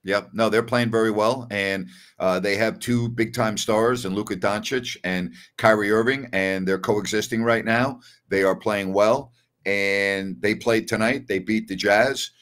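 A man's voice: fairly low pitch, steady tone, measured pace, fairly bright tone. An older man hosting a postgame basketball talk show over a video call, emphatic and opinionated, repeating his key words. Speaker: sports talk host.

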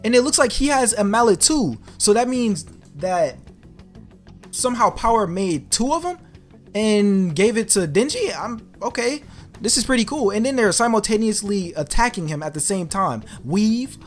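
A young man giving casual, excited commentary as he reacts to an anime preview, slangy and exclamatory, thinking aloud. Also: sits high, moderate pace, faint music behind. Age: young adult. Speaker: reaction video creator. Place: small bedroom, indoors.

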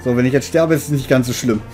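A man gives casual game commentary in a mellow, relaxed voice. His manner is dry and mildly grumbling. Game music plays behind him. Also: medium pitch, fast talker. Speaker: let's player.

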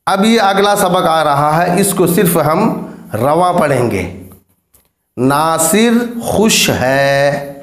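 A man teaching Urdu reading, spelling words out letter by letter in a slow, drawn-out manner. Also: a little high, lively intonation, roomy sound.

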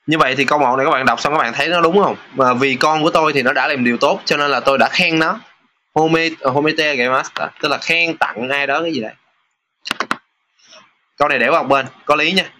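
A man teaching a casual lesson over test questions, chatty, pausing with filler sounds and reading example sentences aloud slowly. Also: on the high side, bright, forceful tone, a little hiss or hum. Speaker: Japanese teacher.

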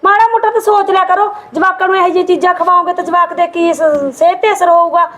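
A woman's voice: very high-pitched, flat delivery, quick pace, a bit bright. A woman playing a defensive, taunting sister-in-law in a Punjabi family drama skit.

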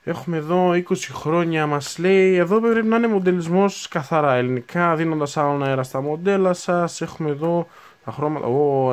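A man in his twenties chatting casually as he unboxes new hobby supplies, thinking aloud and correcting himself as he goes. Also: a little high. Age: 20s. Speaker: unboxing video host.

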